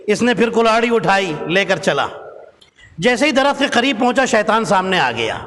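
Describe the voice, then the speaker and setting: A man's voice: sits high, very animated, a bit bright. A male preacher telling a story in a sermon, often urging the audience to pay attention. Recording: long hall reverb.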